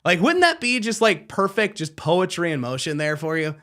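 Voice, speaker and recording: A man hosting a radio trivia bit, with a high, bright voice. He swings his pitch widely as he teases and quizzes his co-host in a playful way. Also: moderate pace. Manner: animated, playful quizmaster. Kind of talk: casual radio banter.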